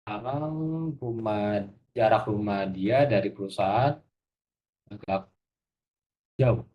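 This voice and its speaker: A man's voice: lowish voice, takes it slowly, lo-fi sound. A man, a language student reading and translating hesitantly, searching for words. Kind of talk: reading aloud and translating in a lesson.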